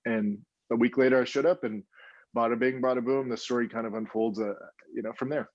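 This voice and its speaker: A man in his thirties, an indie film producer telling stories in a casual interview, animated and rambling with many restarts. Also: medium pitch, fairly quick, no echo, highs cut off.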